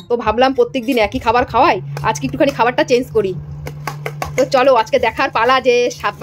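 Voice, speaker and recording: A woman's voice: on the high side, darkish tone, a little hiss or hum. A young woman, a mother, chatting to viewers as she explains each step of making her toddler's dinner in her home kitchen. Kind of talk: casual home cooking vlog narration.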